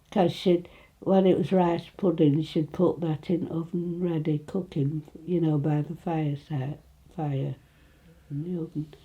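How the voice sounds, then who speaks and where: An elderly woman in her nineties reminisces informally in an East Midlands English accent. Her voice is soft-edged and a little low, and she speaks very slowly, pausing and trailing off as she remembers. The recording is slightly dull. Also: steady tone. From Retford, England. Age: 90s. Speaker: interviewee recalling her life.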